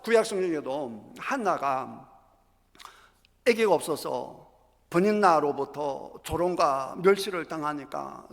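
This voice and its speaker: A man's voice: high voice, a bit bright. A middle-aged male pastor preaching a sermon emphatically in a church sanctuary, acting out scripture scenes with drama. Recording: echoey church hall.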